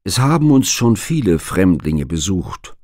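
A low-voiced man playing a faithful old nurse, steadfast and tearful, read in an earnest storybook manner. The recording is close and dry. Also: very animated, measured pace, a little mellow, no echo, full character voice. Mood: wondering.

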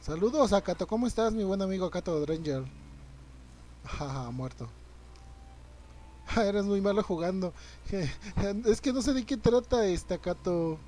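High, excitable male game streamer. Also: unhurried, long pauses, slight background noise. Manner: excitable, swearing, reacting loudly and greeting chat. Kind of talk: live gameplay commentary.

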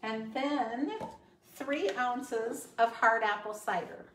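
This cooking show host and sales consultant has a voice on the high side and takes her time. Recorded at a distance in an echoey kitchen with background noise, she keeps up cheerful demo talk for her followers, peppered with frequent ums.

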